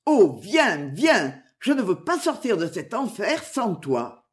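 A woman's voice: medium pitch, sing-song, slow. A woman reader voicing a young knight who speaks earnestly to his love and sternly to others, in a storybook reading. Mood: ardent. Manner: earnest, imperious. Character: young knight, ardent and commanding.

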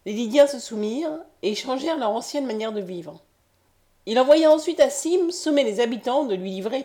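A woman with a fairly high voice reads a classical history text aloud. Her narration is measured and formal, in the manner of an audiobook. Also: a little mellow. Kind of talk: scripted narration of ancient history.

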